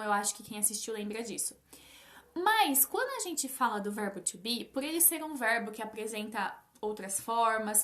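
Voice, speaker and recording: Bright, lively Brazilian woman teacher. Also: on the high side. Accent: Brazilian Portuguese. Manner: lively, talks directly to viewers, stresses English examples slowly. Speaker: English teacher. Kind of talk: casual live-stream lesson. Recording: echoey room.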